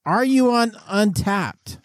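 A man's voice: high-pitched, animated, slow pace, no echo. A man hosting a casual podcast chat, calling in over a payphone line from an airport. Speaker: podcast host.

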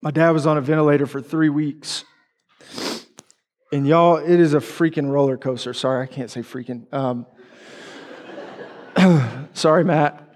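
Emotional preacher sharing a story. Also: male voice, on the high side, fairly even intonation, unhurried, long pauses, darkish tone. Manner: emotional, candid personal storytelling. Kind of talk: sermon.

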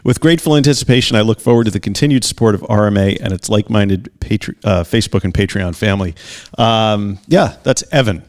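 A man co-hosts a podcast in easygoing, casual chat. His voice sits fairly low, and he chimes in with jokey quips and tells little anecdotes. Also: fairly quick. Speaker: podcast co-host.

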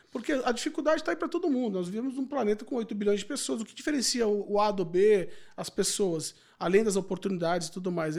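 Man in his forties with a gravelly voice. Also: sits high. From Brazil. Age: 40s. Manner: reflective, repeats filler words. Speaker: podcast guest. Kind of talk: casual interview chat.

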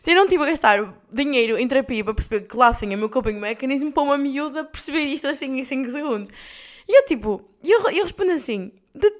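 A young adult woman with a European Portuguese accent, hosting a podcast and telling a story in casual chat, laughing often and swearing freely in slangy speech. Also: a little high. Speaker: podcast host.

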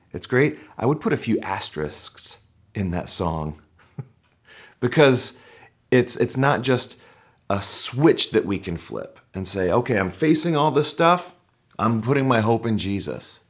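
Animated, conversational man preaching a sermon. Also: mid-range voice. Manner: conversational, animated preaching with asides and rhetorical questions. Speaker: pastor.

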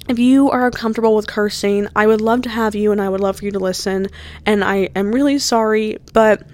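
Hosting a casual solo podcast, this early-twenties New Jersey woman rambles and chats, her speech full of fillers and restarts. She has a mid-range voice with a darkish tone.

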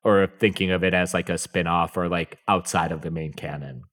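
Low-voiced male podcast host. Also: fairly even intonation, brisk, fairly bright tone. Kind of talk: casual analysis and scripted recap of a game.

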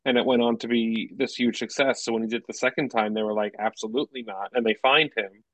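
A man's voice: medium pitch, fairly even intonation, quick pace, a bit bright, no room sound, low-quality recording. A man co-hosting a movie podcast in casual chat, rambling and restarting his sentences. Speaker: podcast co-host.

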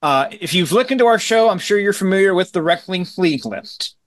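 High male co-host, jokey quiz reader. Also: animated, a little fast. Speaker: podcast co-host. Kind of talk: casual chat.

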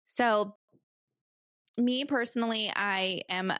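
Speaking slowly in a mid-range, fairly bright voice, a woman in her late thirties from California hosts a casual solo podcast. She is rambling and chatty, with plenty of fillers. The sound is dry and clean, studio quality.

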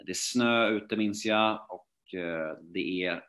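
Man, low voice, rambling storyteller, lots of restarts and fillers. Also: a bit bright. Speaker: guest telling his recovery story. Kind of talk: casual spoken storytelling.

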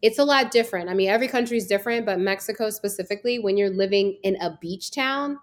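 A woman's voice: medium pitch, fast. An American woman from Virginia, a travel business founder, talking as a guest in an interview in a chatty, storytelling way. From Virginia, USA. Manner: chatty, storytelling, frequent "like" fillers. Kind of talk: casual interview talk.

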